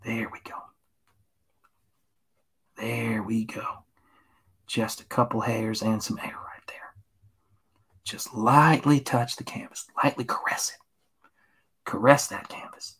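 A man from Tennessee giving a gentle, encouraging painting lesson on a live stream, often dropping to a hushed whisper. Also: mid-range voice, fairly even intonation, slow pace, long pauses, husky. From Tennessee, USA. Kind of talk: soothing painting-show patter, live stream.

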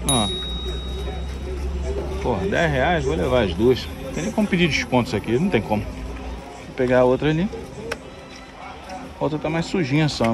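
A medium-pitched man vlogs casually from an outdoor street flea market, chatting to his viewers in slangy terms while hunting for bargains and game finds. He films himself on a handheld phone camera, and the busy market crowd chatters all around him.

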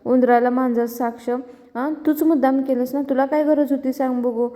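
A woman's voice: high-pitched, steady tone, normal speed, mellow, close to an everyday voice. A woman voicing a quarrelsome young wife who scolds and accuses, in an echoey room. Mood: angry scolding.

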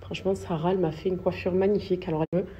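A young woman chatting casually to her followers in an expressive, slangy way, recorded on a handheld phone. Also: rapid-fire, lo-fi sound. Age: young adult. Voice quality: rough, croaky morning voice. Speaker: influencer vlogging her trip. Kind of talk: casual vlog chat to followers. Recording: noisy phone recording with ambient rumble.

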